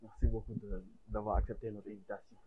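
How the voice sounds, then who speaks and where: A man interviewing a guest and asking questions in a soft-spoken, quiet way. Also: fairly low pitch, little pitch movement, quick pace, narrow, tinny audio.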